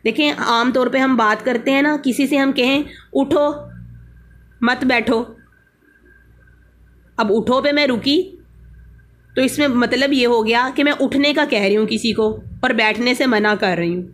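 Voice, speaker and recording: Woman teaching Quran pause marks. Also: a little high. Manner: explains slowly, repeats key rules. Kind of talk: religious lesson.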